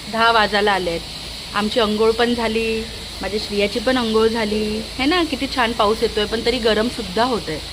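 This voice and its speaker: A woman's voice: a little high, noisy background. A young woman with a Marathi accent chatting casually in a home kitchen vlog, cooing and baby-talking to her toddler as she cooks. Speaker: vlogger mother. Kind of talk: casual family vlog chat.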